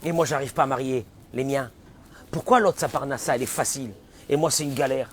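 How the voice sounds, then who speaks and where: A man, a rabbi, giving a dramatic Torah class, acting out the voices of complaining people and swinging from loud cries to hushed whispers. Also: medium pitch, a little fast, slight background noise. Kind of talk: animated sermon.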